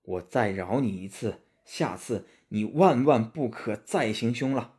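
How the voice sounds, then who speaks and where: A man voicing a stern, gentle monk master who speaks slowly and solemnly. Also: expressive, close to an everyday voice. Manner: slow and solemn, low and soft.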